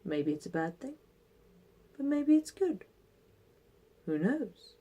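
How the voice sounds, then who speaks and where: A woman storyteller voicing a calm, patient old village man in the measured manner of a wise old sage. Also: medium pitch. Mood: calm, philosophical. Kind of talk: oral storytelling.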